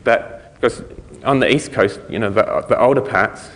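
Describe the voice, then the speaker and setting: A middle-aged man giving an informal conference lecture, explaining things in a halting way with trailing thoughts. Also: lowish voice. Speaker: conference speaker. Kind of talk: technical lecture to an audience. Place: conference lecture room, indoors. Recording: reverberant hall recording.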